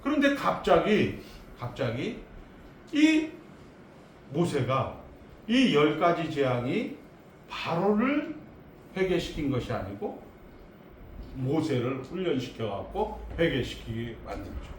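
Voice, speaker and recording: A man's voice: fairly high pitch, sing-song, slow pace, pauses often, a little hiss or hum. A male pastor preaching a sermon, asking rhetorical questions and adding comic asides. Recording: echoey church hall, distant mic.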